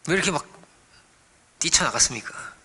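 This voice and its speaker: A man preaching a sermon as pastor, dropping to hushed whispers and rising to loud exclamations, often asking the congregation questions. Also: a little high, expressive, moderate pace, breathy edge. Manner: dramatic swings between hushed whispers and raised exclamations; asks the congregation rhetorical questions.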